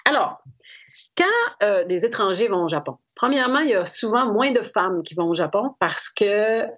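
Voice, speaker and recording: A woman's voice: medium pitch, sing-song, normal speed, a bit bright. A middle-aged woman with a Québécois French accent, explaining as an interview guest in a thoughtful, hesitant way with frequent fillers. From Quebec. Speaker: guest expert on Japan. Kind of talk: conversational explanation. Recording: slightly dull lo-fi audio.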